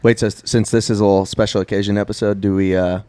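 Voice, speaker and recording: A man's voice: fairly low pitch, level tone, fast talker, warm tone, clear, resonant tone, dry recording. A young man hosting a podcast, joking and teasing in casual banter. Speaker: podcast host.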